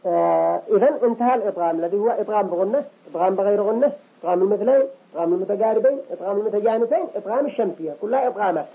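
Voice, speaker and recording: A man teaching the rules of Quran recitation. He goes slowly and deliberately and repeats each recited example several times. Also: high-pitched, gravelly, husky. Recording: lo-fi muffled recording.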